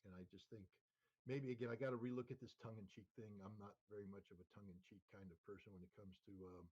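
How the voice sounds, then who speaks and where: A man's voice: fairly low pitch, fairly even intonation, fast talker, a little mellow, breathy edge, dull audio. A man giving emphatic, unscripted analysis as a commentator, often restarting his sentences. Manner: emphatic, many restarts and fillers. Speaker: geopolitical commentator.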